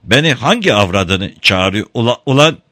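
A man's voice: medium pitch, animated, moderate pace, bright, forceful tone, dry recording, studio quality, voice pushed up. A man voicing a hot-tempered tax collector who roars and curses in a read-aloud story. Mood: angry. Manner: roaring, cursing.

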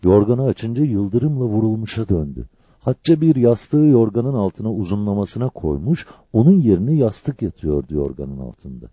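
A man reading a novel aloud as an audiobook narrator, with measured, expressive storytelling. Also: fairly low pitch, slightly rough, no echo. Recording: dull lo-fi dry recording.

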